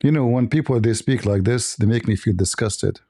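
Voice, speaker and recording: A man's voice: on the low side, normal speed, mellow. A man hosting a livestream, giving mocking, sarcastic commentary and repeating phrases for emphasis. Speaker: livestream host.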